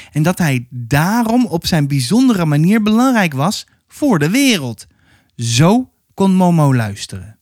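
A man reading a children's book aloud, narrating calmly and expressively. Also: on the high side, no room sound, studio quality. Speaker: storyteller.

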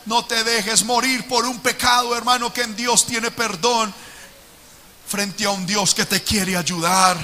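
A man leading a fervent prayer sermon as pastor, moving between hushed prayer and shouted pleading cries. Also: sits high, fairly even intonation, a little slow. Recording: long hall reverb with music behind.

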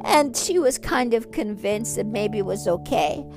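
A woman telling a story in a homely, halting way, retelling each part twice. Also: on the high side, lively intonation, music in the background. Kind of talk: bilingual oral storytelling.

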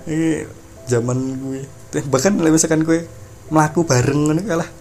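A young man with a Javanese accent in a casual chat, teasing and encouraging, with quick back-channel replies. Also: fairly high pitch, darkish tone, soft background music.

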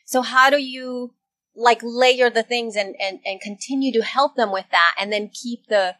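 A woman from El Salvador, guest on a podcast, chatting in a fairly high voice. She rambles, circling her point with restarts and fillers. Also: fairly even intonation, moderate pace, pushed and bright, rough recording. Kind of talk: casual podcast chat.

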